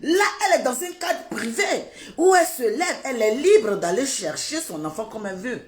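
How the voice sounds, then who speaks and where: A high, lively woman rants on a livestream. She fires off indignant rhetorical questions, repeats them, and laughs between them. Her voice rings in an echoey room. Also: normal speed. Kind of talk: livestream commentary.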